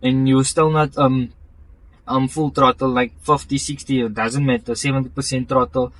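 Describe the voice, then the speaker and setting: Halting man explaining his car. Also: medium pitch, flat delivery, a bit bright, low-quality recording. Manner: halting, full of restarts and fillers, technical. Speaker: car owner showing his build. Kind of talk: casual interview.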